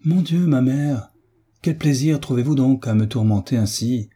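A man's voice: medium pitch, fairly quick, warm tone, husky, natural voice. A man reading an audiobook, voicing an impatient, sullen teenage boy who answers curtly and irritably. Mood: exasperated. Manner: curt and irritable. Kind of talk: audiobook character voice.

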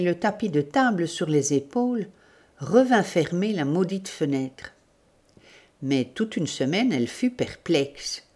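A woman narrating a literary novel in a measured, deliberate reading. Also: low-pitched, a little mellow. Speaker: audiobook narrator.

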